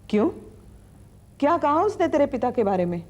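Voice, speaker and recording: A stern, protective old grandmother of a big household in a TV serial, her high voice swinging widely as she scolds in a firm, motherly way. Music plays behind her. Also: big pitch swings, normal speed. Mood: concerned. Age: older. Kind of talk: TV serial acting. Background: background music score.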